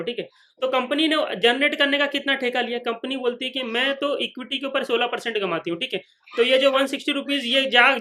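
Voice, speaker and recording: The pitch of this man's voice is extremely high and his tone sharp. Teaching finance at a whiteboard, he repeats each point, keeps confirming the students follow along, and voices the questions of imagined students.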